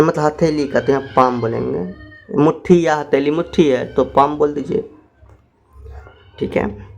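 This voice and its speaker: A man teaching spoken English, explaining phrases in quick asides and then dictating them slowly word by word. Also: a little high, a little mellow.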